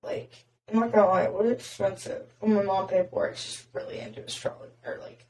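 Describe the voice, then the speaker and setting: A young woman with a raspy voice, hosting a podcast and telling stories in casual chat full of "like" fillers. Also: mid-range voice, very animated, a little fast, darkish tone. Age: young adult. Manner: chatty storytelling, many "like" fillers. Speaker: podcast host. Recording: roomy echo, faint noise.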